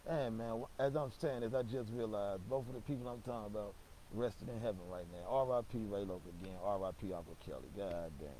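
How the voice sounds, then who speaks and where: A man's voice: lowish voice, fairly quick, warm tone, slight background noise, low-quality recording. A young man telling a casual story, rambling and slangy, with lots of swearing and stammered restarts.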